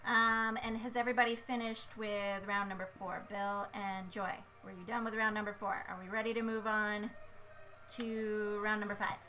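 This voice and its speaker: A woman's voice: medium pitch, level tone, normal speed, sharp tone, faint music behind. A woman co-hosting a casual board game stream, thinking aloud with playful muttering and little vocal sound effects. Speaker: co-host of a board game play-along stream. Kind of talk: casual chat while playing a board game.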